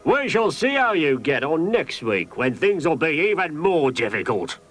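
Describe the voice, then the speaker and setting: A woman's voice: sits low, big pitch swings, normal speed, faint music behind. A woman voicing a bad-tempered male king who bellows his orders in a children's story. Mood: grudging. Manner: bellowing, imperious.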